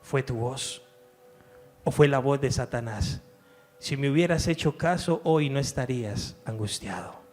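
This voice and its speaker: A man voicing God as a calm, quietly reproving presence inside a sermon. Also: medium pitch, measured pace, soft background music, lightly acted. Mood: gentle reproach. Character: calm, gently correcting voice of God.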